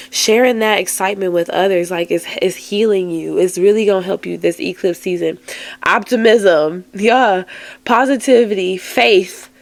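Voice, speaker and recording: A woman's voice: medium pitch, a little mellow. A woman giving a casual, chatty tarot reading, emphatic and encouraging, full of fillers. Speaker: tarot card reader.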